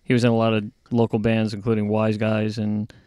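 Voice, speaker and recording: A man's voice: fairly low pitch, monotone, fairly quick, dark tone, clear, resonant tone, dry recording. A man with a New York accent co-hosting a talk radio show, upbeat and agreeable, reading out a call-in number. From upstate New York. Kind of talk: casual radio chat.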